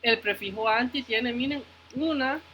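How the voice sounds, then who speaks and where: A man's voice: extremely high pitch, a little slow, sharp tone, slight background noise, poor audio. A male teacher giving a phonics lesson to children, patiently repeating words and checking in with the class, moving between Spanish and English.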